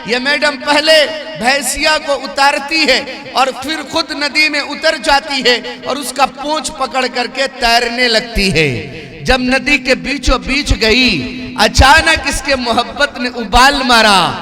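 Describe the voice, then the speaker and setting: A man preaching a sermon at a public religious gathering, telling a humorous story and questioning the crowd in an animated way. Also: very high-pitched, big-room sound.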